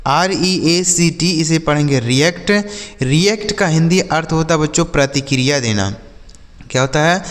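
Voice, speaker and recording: A man teaching English words to children, spelling each word out letter by letter and repeating every example slowly. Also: fairly high pitch, big-room sound. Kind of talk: vocabulary lesson for children.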